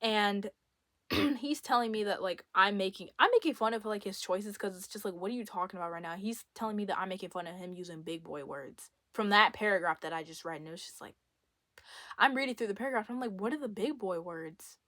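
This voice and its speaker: A young woman content creator spills a long, winding story straight to her audience. She talks casually and animatedly, leaning on filler words as she goes. Her voice sits at a middle pitch and sounds dry and close, with no room echo. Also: brisk. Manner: rambling, filler-heavy, animated. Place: indoors at home.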